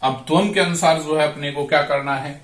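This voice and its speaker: A man's voice: fairly high pitch, fairly quick, fairly bright tone. A man teaching Sanskrit grammar, drawing out each word and repeating verb forms aloud. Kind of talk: slow classroom explanation. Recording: echoey room, voice from a distance.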